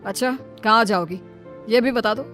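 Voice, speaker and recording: A woman's voice: on the high side, normal speed, fairly bright tone, soft background music, close to an everyday voice. A woman voicing an easygoing young husband in a cartoon story, brushing off his wife's worries. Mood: dismissive. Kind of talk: cartoon voice acting.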